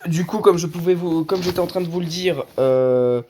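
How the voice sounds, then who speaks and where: A slight hiss or hum sits under this man's mellow, somewhat high voice, delivered at normal speed. Hosting his car vlog while tired and flu-ish, he gives casual opinions and addresses viewers as buddies.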